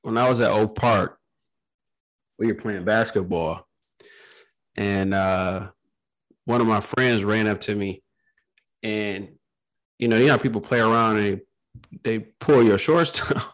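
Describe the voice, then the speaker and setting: A man's voice: fairly low pitch, measured pace, long pauses, low-quality recording. A man talking casually and informally as a podcast guest, telling stories in a loose, slangy way. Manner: informal, peppers talk with "man". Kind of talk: casual chat, storytelling.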